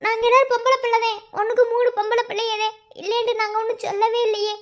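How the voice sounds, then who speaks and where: A woman's voice: extremely high pitch, flat delivery, fast talker, fairly bright tone. A woman voicing a brave young daughter in a cartoon, speaking steadily and earnestly with a Madurai Tamil accent. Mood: firm. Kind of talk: cartoon voice acting.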